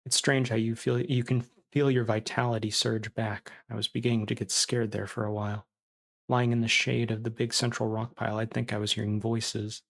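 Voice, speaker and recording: A man reading as a starving, bitter disgraced surgeon who confesses in a castaway's diary, callous and self-justifying, with a creaky voice. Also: medium pitch, little pitch movement, brisk, a bit bright. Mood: hungry, weary.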